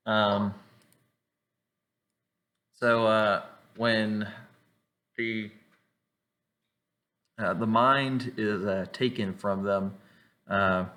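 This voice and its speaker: A man's voice: on the low side, fairly bright tone. A man narrating as game master of a tabletop game, rambling with many "like"s and "uh"s. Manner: rambling, full of "like" and "uh".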